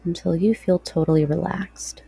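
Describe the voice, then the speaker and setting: A woman podcast host leading a guided breathing meditation in a soft, slow, soothing delivery with long pauses. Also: fairly low pitch, fairly even intonation, creaky, husky.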